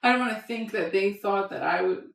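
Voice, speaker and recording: A woman's voice: mid-range voice, a little fast, creaky. A young adult woman co-hosting a podcast, talking in a chatty, giggly way and saying "like" a lot. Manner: giggly, chatty, says "like" often. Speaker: podcast co-host. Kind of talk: casual chat. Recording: roomy, a bit off-mic.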